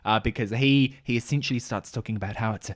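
A man's voice: medium pitch, fast talker. Guy chatting about a movie, plain mid voice, acts out quotes as he goes. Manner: animated, acts out quoted lines. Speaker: podcast co-host. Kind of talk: casual film-review chat.

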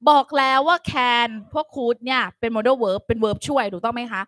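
Bright-voiced woman teacher quizzing students. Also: fairly high pitch, normal speed, no room sound, studio quality. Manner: coaxing, quizzes students with frequent questions; calls students "child", softens lines with polite particles. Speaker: English teacher. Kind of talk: online classroom lecture.

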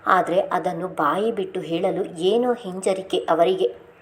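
Exasperated young husband, pleading, a bit low, read by a woman narrator. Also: measured pace, natural voice. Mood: soothing. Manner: pleading, scolding.

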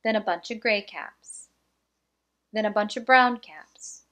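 A woman with a mid-range voice reads a children's picture book aloud, her phrasing expressive and deliberate, with small asides.

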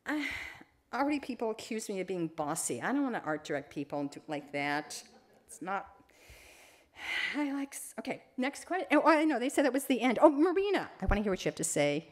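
A woman's voice: on the high side, sing-song, a little fast. An older woman photographer giving an informal library talk, chatty, rambling and openly emotional at times.

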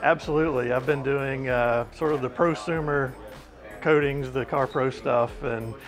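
A middle-aged car detailer from Virginia giving a steady, thoughtful interview answer on a lapel mic. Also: male voice, mid-range voice, a little slow. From Virginia, USA. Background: background music.

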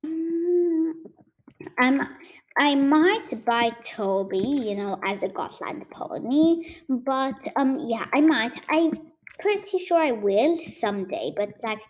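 A woman's voice: high voice, lively intonation, slow, a little hiss or hum, low-quality recording. A woman chatting casually while playing a game, rambling with many fillers and teasing her viewers. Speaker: gaming YouTuber. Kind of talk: casual gameplay commentary.

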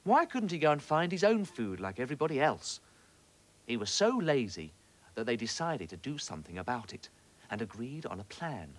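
A man reading a children's story aloud in an expressive, animated way. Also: mid-range voice, moderate pace.

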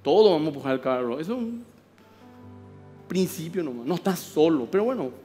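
A man with a Paraguayan Spanish accent, a pastor preaching a sermon with animated storytelling and acted-out voices. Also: fairly high pitch, a little fast, long reverb tail, soft background music.

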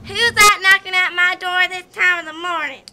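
Woman doing a shrill panicked granny. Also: steady tone, normal speed, sharp tone, full character voice. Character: frightened old grandmother.

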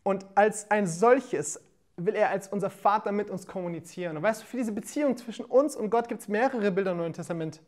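A woman in her thirties preaching a livestreamed church sermon, speaking straight to her listeners with lively, urgent calls and then dropping to soft, quiet passages. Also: mid-range voice, fairly quick. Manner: energetic, addressing listeners directly with "hey" and "come on".

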